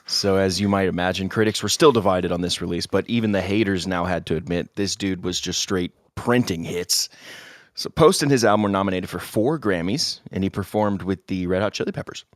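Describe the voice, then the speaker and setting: A man's voice: deep voice, brisk, no room sound, studio quality. A man co-hosting a music podcast, steadily recounting his research notes in casual chat. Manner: steady recounting, with short agreeing interjections. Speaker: podcast co-host.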